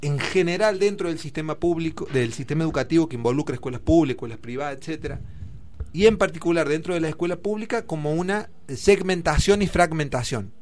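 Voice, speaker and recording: A man's voice: a little high, expressive, fast, a little mellow. Argentine man explaining school figures. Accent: Argentine Spanish. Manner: explains with many figures and fillers, thinks aloud. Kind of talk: explanatory discussion.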